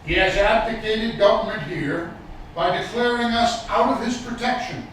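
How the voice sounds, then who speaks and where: A high-voiced man recites formally, far from the microphone in a very reverberant space. His oratory is lofty and stately, set out with deliberate pauses, and a faint noise sits behind it. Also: a bit bright. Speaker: public reader at a commemorative event. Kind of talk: formal public recitation of a historical declaration. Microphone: distant microphone. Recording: distant, very echoey, some background noise.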